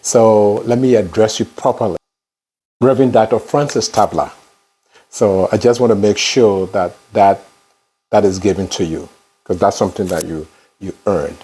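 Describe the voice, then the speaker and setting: A man hosting his own interview channel, introducing his guest in a formal, deliberate way. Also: on the low side, dark tone, husky. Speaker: interview host, YouTuber.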